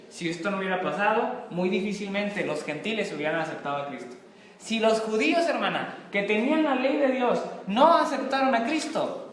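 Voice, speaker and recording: A man's voice: high voice, a little hiss or hum. A man leading a church Bible study, putting questions to the group and explaining with everyday comparisons. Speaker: Bible class teacher. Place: church classroom with a small group. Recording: echoey room.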